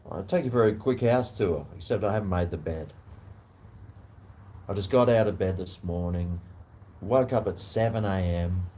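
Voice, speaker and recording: A man with a broad Kiwi accent and a lowish voice chats away like a casual vlogger. He rambles in a laid-back, slangy manner with some swearing, and there is clear noise behind him. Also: normal speed, pauses often, dark tone. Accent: broad New Zealand. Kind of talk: casual rambling chat to camera. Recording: noticeable background noise.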